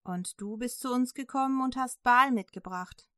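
A woman's voice: a little high, normal speed, bright, forceful tone, no room sound, studio quality, pitched above the performer's own voice. Woman voicing firm king Ahab. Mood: defiant. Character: defiant male king Ahab, plain-spoken.

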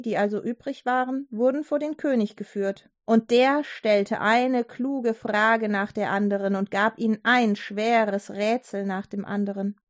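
A woman narrating a Bible story for children, lively, with chatty asides to the listener. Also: a little high, no room sound, clean studio sound.

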